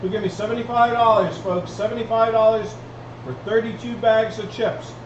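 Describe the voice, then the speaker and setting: A high-voiced man works as an auctioneer in a live online auction, calling bids at normal speed and repeating the numbers to the crowd in a steady, chant-like patter. He's some distance from the mic in an echoey room, and the recording is dull and clearly noisy.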